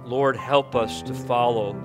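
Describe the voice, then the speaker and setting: A male pastor speaks into a pulpit microphone in a church, earnest and pleading as he prays, often stumbling and repeating words. His voice sits at an ordinary middle pitch. Clear piano and guitar music plays softly behind him. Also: fairly even intonation, takes it slowly. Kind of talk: sermon and closing prayer. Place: church sanctuary.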